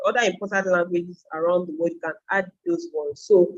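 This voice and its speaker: An online freelancing trainer, a woman with a Nigerian accent whose first language is Yoruba, explains an informal tutorial step by step while thinking aloud. Her fairly low voice stays steady and a little fast, and the audio is lo-fi.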